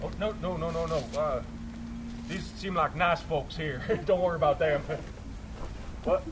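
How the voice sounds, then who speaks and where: A costumed performer with visitors plays an eccentric backwoods hermit who talks to trees, rambling and chuckling folksily. His voice is fairly high, measured and close to everyday speech, recorded outdoors with passing traffic in the background.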